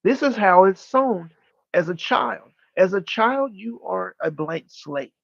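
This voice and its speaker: High-pitched creaky man channeling like a medium. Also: expressive, fairly bright tone, no echo, muffled recording. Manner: deliberate, formal, emphatic phrasing with pauses and repetition. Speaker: channeler leading a live spiritual session. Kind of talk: channeled spiritual teaching, like a seance medium speaking as a guide.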